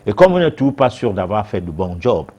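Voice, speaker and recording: Man, low husky voice, TV show guest expert, hesitant with fillers. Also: sing-song, fairly quick, darkish tone, dull audio. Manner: hesitant, many fillers and restarts. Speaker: guest expert answering viewers. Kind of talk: TV talk show advice.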